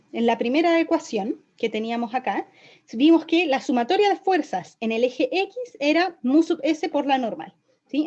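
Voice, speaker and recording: A woman's voice: fairly high pitch, darkish tone. A young woman teaching a recorded physics lesson, explaining step by step and checking in with her students often. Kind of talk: recorded online lecture. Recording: dull, lo-fi lecture audio.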